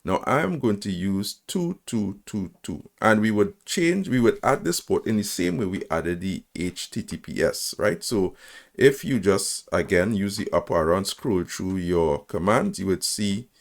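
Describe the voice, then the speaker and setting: A man's voice: fairly low pitch, expressive, a little slow, creaky. A man presenting a screen-recorded coding tutorial, talking through each command step by step, spelling them out and checking in with "right?" as he goes. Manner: frequent "right?" checks and small self-corrections.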